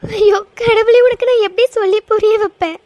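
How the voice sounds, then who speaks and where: A woman's voice: very high-pitched, fairly even intonation, brisk, a little mellow. A woman voicing a tearful young woman who begs through sobs and stammers, in a cartoon. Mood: tearful, desperate. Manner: sobbing, stammering pleas. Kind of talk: cartoon voice acting.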